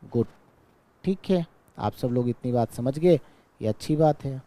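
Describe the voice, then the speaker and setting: A male teacher, patiently explaining an exam-prep grammar lesson. He keeps checking in with his class and stretches out his English example sentences very slowly. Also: medium pitch, lively intonation, dark tone.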